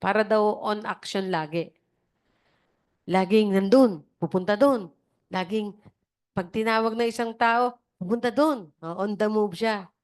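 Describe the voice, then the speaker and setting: A woman's voice: mid-range voice, measured pace, long pauses. Woman preaching casually over a video call. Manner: conversational, acts out quoted voices, asks "di ba?". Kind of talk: casual sermon.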